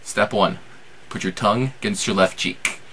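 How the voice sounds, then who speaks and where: Bright-voiced young man, casual vlogger. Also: fairly low pitch, normal speed, a little hiss or hum. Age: 20s. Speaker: amateur impressionist and video host. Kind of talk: casual how-to vlog.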